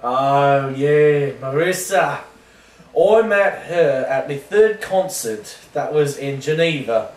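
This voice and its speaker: A man playing an oblivious washed-up rock singer in a mock interview, rambling deadpan through absurd tangents. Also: on the high side, slow pace. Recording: roomy sound from a distant mic.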